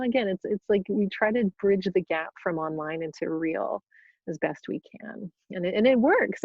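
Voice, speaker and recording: A woman's voice: on the low side, creaky, dry recording, phone-quality sound. A woman hosting a casual live Q&A webinar, chatting in a bubbly way with frequent restarts and laughter. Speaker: yoga teacher trainer hosting a webinar. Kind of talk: casual live Q&A, reading questions aloud. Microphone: video call.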